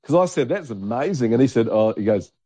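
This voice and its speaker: A man co-hosting a podcast, telling a story in relaxed casual chat. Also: medium pitch, fairly quick, no room sound. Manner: chatty anecdote-teller, laughs easily. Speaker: podcast co-host. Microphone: studio mic.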